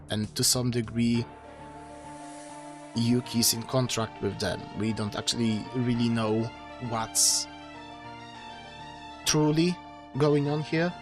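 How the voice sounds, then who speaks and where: Slow, tired man rambling on stream. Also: mid-range voice. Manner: rambling, self-deprecating, with many fillers and restarts. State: tired, with a strained dry throat. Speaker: streamer reading his own book. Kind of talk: casual livestream chat.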